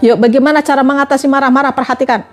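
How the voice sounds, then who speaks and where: A woman's voice: high voice, fairly even intonation, racing, soft background music. A woman giving a religious talk on a live stream, asking her listeners question after question. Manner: repetitive rhetorical questioning.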